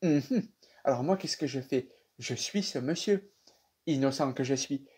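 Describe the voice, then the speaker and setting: A man's voice: medium pitch, unhurried, slightly rough. Chatty young Frenchman telling a dream. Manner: animated, chatty, many fillers. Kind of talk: casual storytelling to camera.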